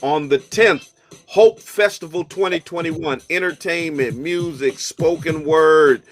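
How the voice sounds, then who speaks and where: A man with a slightly high voice hosts a casual radio talk show, joking with his co-host and reading church announcements with loose playfulness. Faint music plays behind him, and his sign-offs stretch out in a relaxed, joking way.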